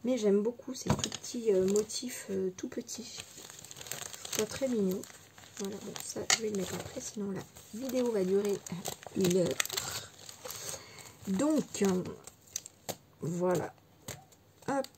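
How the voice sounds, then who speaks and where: A woman vlogger showing her scrapbooking purchases in a chatty, fond way, full of little fillers, sometimes dropping to a soft near-whisper. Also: medium pitch, takes it slowly, long pauses, background noise. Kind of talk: casual haul show-and-tell.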